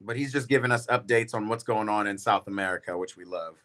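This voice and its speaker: A fast-talking man with a fairly low, slightly bright voice runs a football watch-party livestream. He keeps things casual and weary with viewers, using slangy talk and calling them bro and y'all.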